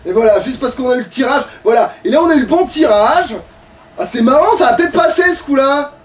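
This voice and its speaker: Very high-pitched and expressive, a man talks a little fast while streaming a let's play, cursing and griping at the game and to himself in a casual way. Game music plays behind him, and the mic is distant.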